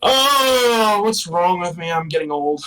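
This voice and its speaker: A man's voice: sits high, animated, takes it slowly, sharp tone, a little hiss or hum, poor audio. A man in his thirties co-hosting a comedy podcast, rambling through jokes and mocking himself in casual banter. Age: 30s. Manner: rambling, joking, self-mocking. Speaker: podcast co-host.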